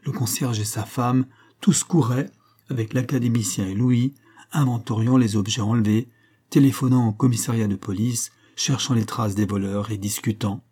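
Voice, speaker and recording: A man reading a story aloud in measured narration, raising his voice for the characters' quoted lines. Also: medium pitch, steady tone, dark tone, husky. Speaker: audiobook reader. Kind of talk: scripted narration.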